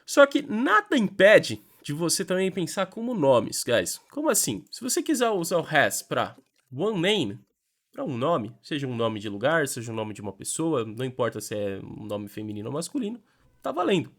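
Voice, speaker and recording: Animated Brazilian man teaching grammar. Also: on the high side. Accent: Brazilian Portuguese. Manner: animated, switches between slow drilled English and quick Portuguese explanations. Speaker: English teacher. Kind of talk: lively online grammar lesson.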